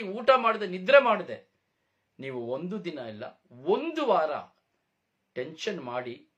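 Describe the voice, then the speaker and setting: Animated high-voiced male preacher. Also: highs cut off. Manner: emphatic preaching with repeated phrases and rhetorical questions. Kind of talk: Kannada sermon.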